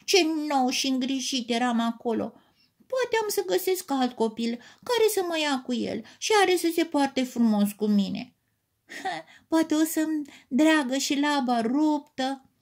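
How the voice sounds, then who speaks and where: A woman's voice: high voice, animated, voice pushed up. A woman voicing a grumpy, hurt felt teddy bear in a children's story. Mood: grumbling. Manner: complaining, gruff.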